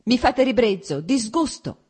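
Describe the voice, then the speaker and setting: A woman reading aloud and voicing a distraught, betrayed wife with a husky voice, loud and accusing. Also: sits low, lively intonation, moderate pace, heavily acted. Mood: furious.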